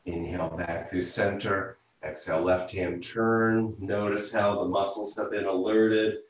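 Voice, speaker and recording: Slow, deep-voiced man guiding yoga. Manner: slow, calm step-by-step cueing of breath and movement. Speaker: yoga instructor and physical therapist. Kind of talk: guided yoga class instruction. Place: room at home, teaching over video call. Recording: very echoey room, voice from far off the mic.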